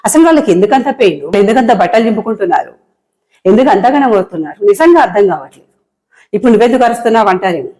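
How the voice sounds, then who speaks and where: A woman's voice: medium pitch, sing-song, rapid-fire, dark tone, rough recording. A married woman with a Telangana Telugu accent, delivering a heated, impassioned monologue as an online political commentator, hammering points with repetition. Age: adult, married.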